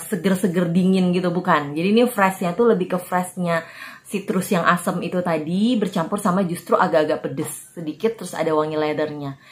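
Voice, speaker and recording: Chatty young woman reviewing perfume. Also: fairly low pitch. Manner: chatty, informal, many fillers. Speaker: perfume reviewer, channel host. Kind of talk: casual review vlog.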